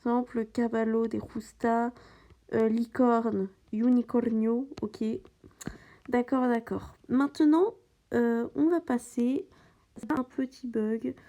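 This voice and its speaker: A woman's voice: fairly high pitch, fairly even intonation, slow, warm tone. A woman giving casual gameplay commentary, hesitant and full of fillers and restarts as she talks through the game. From French-speaking. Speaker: gaming channel host.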